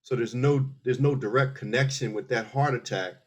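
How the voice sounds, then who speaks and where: Guesting in a casual interview, a middle-aged Philadelphia army veteran speaks in a medium pitch at a moderate pace. He sounds earnest and methodical, going step by step and frequently starting over.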